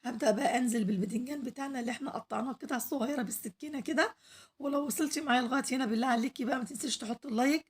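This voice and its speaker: A woman with an Egyptian Arabic accent, hoarse from losing her voice, chatting to viewers as she cooks on her home cooking vlog. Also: high voice, rapid-fire. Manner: chatty, addresses viewers directly, pleads for likes. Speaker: cooking channel host.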